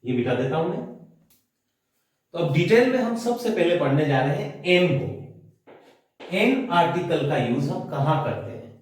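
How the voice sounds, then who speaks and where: A man's voice: fairly high pitch, sing-song, a little slow, long pauses, distant mic. A male English teacher with an Indian English accent giving a step-by-step whiteboard grammar lesson, asking the viewer questions as he goes. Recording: very echoey room, voice from off the mic.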